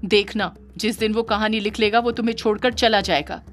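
Male yaksha spirit, as a woman puts him on, jealous suitor, accusing, raised voice, audio story, soft background music. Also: medium pitch, a little fast, close to an everyday voice. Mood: pleading, accusing.

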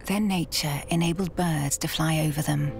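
A woman narrates a nature documentary from a script in a measured storytelling delivery. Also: deep voice, steady tone, gravelly, loud music behind the voice.

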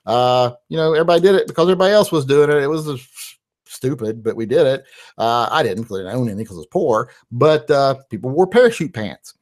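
Hosting a live-stream Q&A, a man in his forties from West Virginia speaks fast and expressively at a medium pitch with a darkish tone. His answers to viewers ramble conversationally, full of "uh" fillers. He records in a small home studio using a big boom-mounted studio mic and headphones.

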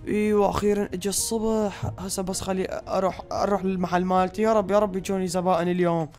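Man as an shopkeeper, anxious, pleading, very high voice, fast, music underneath. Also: little pitch movement, a little mellow. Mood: calm. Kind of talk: Minecraft fan drama voice acting.

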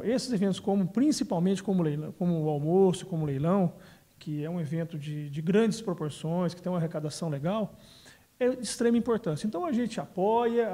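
High-pitched man, mellow tone. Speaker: city council president. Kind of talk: interview answers. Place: indoors, small room. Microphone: handheld interview microphone.

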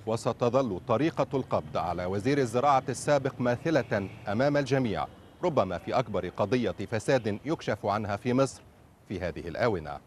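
A man reporting in a formal, steady, scripted news narration. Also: on the low side, slight background noise.

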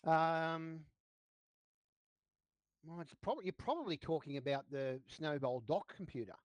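Halting male game master, dry sound. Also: a little high, no echo. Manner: halting, many restarts and fillers. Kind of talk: running a tabletop game.

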